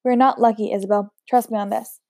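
A guarded young man from a storybook, curt and evasive, speaking in flat, clipped phrases, as a woman reads him. The voice stays mellow and dry. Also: fairly high pitch, fast talker, dry recording, lightly acted.

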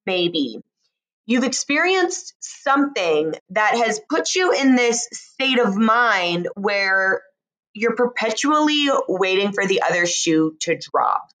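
A woman talking casually and intimately to her listener in an unhurried, drawn-out way, reassuring and encouraging. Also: mid-range voice, a bit bright, rough recording. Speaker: host speaking to listeners. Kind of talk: intimate, casual motivational talk.

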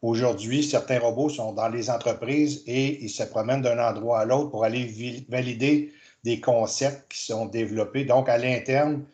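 A man, a panelist speaking in a measured way, repeating words while he thinks. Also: medium pitch, fairly even intonation, a little mellow. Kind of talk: round-table discussion.

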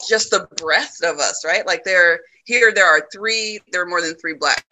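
A woman from the United States talking reflectively in a casual conversation, often pausing with ums and laughing. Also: lowish voice, pushed and bright, poor audio.

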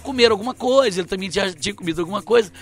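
A man, co-hosting a casual chat and telling stories in an animated way, laughing as he acts out the people in them. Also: sits high, racing, faint music behind. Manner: animated, laughs through his stories, acts out quoted voices.

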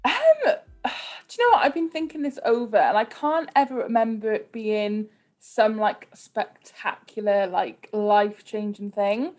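A woman with a Cardiff accent speaks at a middle pitch in a casual interview. She is candid and conversational, peppering her sentences with "like" as she talks about herself. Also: unhurried, darkish tone. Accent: Cardiff Welsh. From Cardiff, Wales. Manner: candid, conversational, heavy use of "like". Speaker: podcast guest, influencer. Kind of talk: casual personal interview chat.

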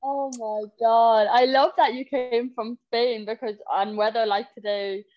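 A woman's voice: on the high side, fairly even intonation, a little slow, lo-fi sound, a little hiss or hum. A young woman hosting a podcast, effusive and full of fillers. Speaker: podcast host. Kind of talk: podcast interview.

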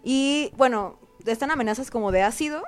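A woman's voice: fairly high pitch, brisk, soft background music. A young woman with a Mexican accent, chatting casually on a student panel and explaining practical tips with some hesitation. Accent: Mexican Spanish. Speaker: student co-host.

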